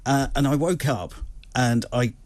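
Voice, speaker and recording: A man's voice: medium pitch, unhurried. A British man, the show's technical operator, chatting casually in a radio studio in a laid-back, dry way.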